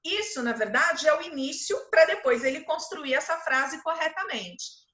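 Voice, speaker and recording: A woman's voice: high voice, expressive, normal speed, a bit bright, echoey room. A woman giving an informal, conversational lecture to teachers, explaining with everyday examples and frequent filler words.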